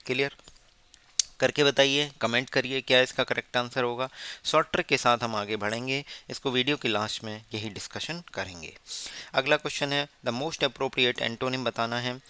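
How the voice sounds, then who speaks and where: Bright, crisp Indian male teacher. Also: mid-range voice, fairly even intonation, moderate pace, no echo. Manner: explains step by step, spells words letter by letter, asks students rhetorical questions. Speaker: vocabulary teacher. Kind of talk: exam-prep lesson.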